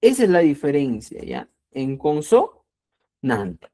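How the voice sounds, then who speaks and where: A woman teaching Quechua grammar in a lesson, speaking slowly and deliberately, repeating key words and often checking that listeners follow. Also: low voice, sing-song, dark tone, husky. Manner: addresses listeners as "estimados amigos". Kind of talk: explanatory online language lesson.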